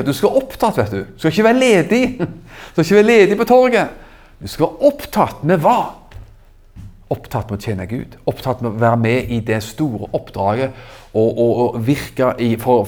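A man preaching a sermon in an animated, emphatic way, asking the audience questions. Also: mid-range voice. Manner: animated, rising emphatic exclamations.

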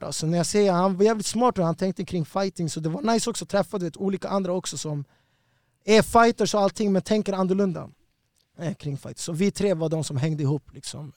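Brief: high-voiced man, animated and slangy, dry close sound. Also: no room sound. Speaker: guest fighter. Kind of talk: casual storytelling.

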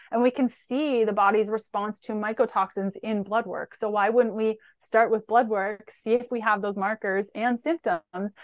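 A woman guest on an interview, talking through lab results in a steady, methodical way, marker after marker. Her voice sits in a middle range for a woman. The sound is dry and close, with no room around it. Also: medium pitch, no room sound. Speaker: holistic nutritionist guest. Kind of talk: explanatory interview answers.

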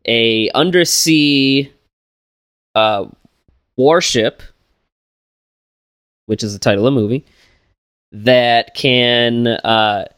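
A man's voice: mid-range voice, fairly bright tone, smooth, dry recording, studio quality. A man co-hosting a casual film podcast, rambling through plot summaries with lots of fillers, restarts and jokes. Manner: jokey, laughs while retelling plots. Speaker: podcast co-host.

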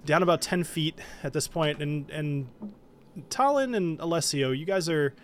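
A man running a tabletop game as game master, describing scenes in a relaxed way with many fillers, over an online call. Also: on the high side, normal speed.

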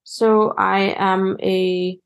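A woman's voice: medium pitch, level tone, drawn-out words, vocal fry. A woman guest who works as a coach, talking casually about her work with hesitant phrasing and frequent fillers. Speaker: guest, a coach and public speaker. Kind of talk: casual conversation.

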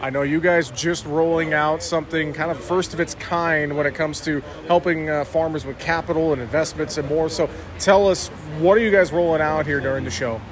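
Male on-location broadcast interviewer, a bit higher in pitch, courteous and chatty, outdoor event setting. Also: fairly even intonation, brisk, few pauses, crowd noise. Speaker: farm show interviewer. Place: outdoors at a busy farm trade show.

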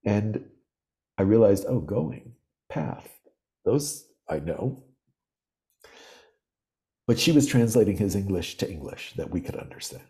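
Deep, mellow-voiced older man telling stories. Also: expressive. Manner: reflective, vivid storyteller with pauses. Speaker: podcast guest. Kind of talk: storytelling interview.

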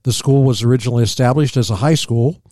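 A man, reading local history aloud as a podcast co-host, steady and plain with small slips. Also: medium pitch, quick pace, no echo, studio quality.

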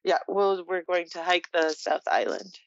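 A young woman from Poland, a guest in a casual interview, talking in a relaxed, reflective way and laughing often. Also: on the low side, measured pace, highs cut off.

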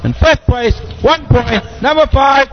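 A man formally announcing race results in a measured, declamatory way. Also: very high voice. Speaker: track announcer. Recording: muffled, very noisy announcement audio.

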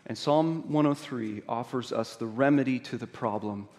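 A man's voice: mid-range voice, normal speed. Man preaching in a reverberant hall. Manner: storytelling with many small repeats and restarts, swinging from quiet to emphatic. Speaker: pastor. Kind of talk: sermon. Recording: long reverb of a large hall.

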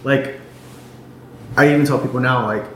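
A man's voice: mid-range voice, fairly even intonation, normal speed, fairly bright tone. A young man from Chicago talking casually as an interview guest, telling stories with lots of fillers and quoted dialogue. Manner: chatty storyteller, many fillers and quoted dialogue. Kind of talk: casual chat. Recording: echoey room with faint noise.

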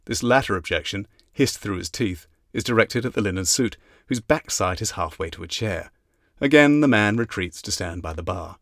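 A man narrating an audiobook in a measured, even reading. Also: lowish voice, no echo, clean studio sound. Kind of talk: scripted narration.

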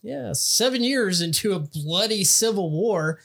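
Higher-voiced man, slow sardonic co-host. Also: animated, creaky, fairly bright tone. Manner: sardonic, reads news items aloud. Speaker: podcast co-host. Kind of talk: casual political commentary.

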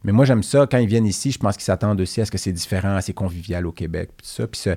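A man with a Québécois French accent, a podcast host and veterinary oncologist, telling stories in an animated, joking way in casual conversation. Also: fairly low pitch, rapid-fire, no room sound, studio quality. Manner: animated, jokey storyteller.

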